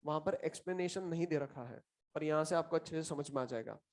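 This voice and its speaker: A man's voice: on the high side, fast talker, darkish tone. A man teaching a chemistry class, quizzing and teasing his students and repeating the key answers for emphasis. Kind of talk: classroom lecture.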